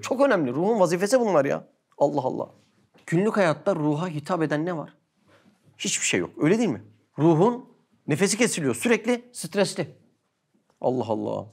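A man giving an animated religious sermon talk, full of rhetorical questions and exclamations. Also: sits high.

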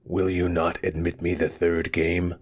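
A wounded, sharp-minded lord speaks in a measured, faintly mocking manner, read by a male storyteller. His voice is deep and unhurried, close to the reader's own tone. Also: flat delivery, slightly rough. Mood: wry calm. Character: wounded, cruel-mouthed lord, a sharp and wry strategist.

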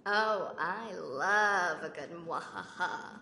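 Slow, lilting female adventurer with reverb. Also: fairly low pitch, lively intonation, sharp tone, full character voice. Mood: wry relish. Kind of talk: video game companion banter. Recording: reverberant hall, clear noise behind.

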